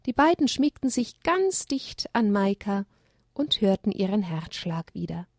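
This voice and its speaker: A woman reading a children's story aloud in a gentle, even way. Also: mid-range voice, a little slow, dry recording, clean studio sound.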